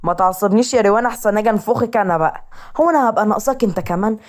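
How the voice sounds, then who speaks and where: A woman's voice: mid-range voice, rapid-fire, pitched above the performer's own voice, natural voice. A woman voicing a protective, affectionate older brother, with an Egyptian accent. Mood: gruff.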